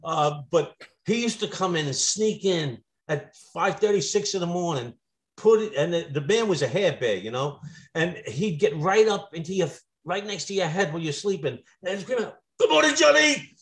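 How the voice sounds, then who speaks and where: Earnest middle-aged man, somewhat high voice. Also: expressive, moderate pace, low-quality recording. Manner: earnest, repeats and restarts words when moved. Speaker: guest, former police officer. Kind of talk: conversational storytelling.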